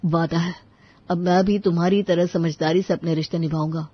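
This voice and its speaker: A woman voicing a hot-tempered young married man who is protective of his father and quick to raise his voice. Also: lowish voice, fairly even intonation, slightly rough, no echo, lo-fi sound. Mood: remorseful. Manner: indignant, raises voice.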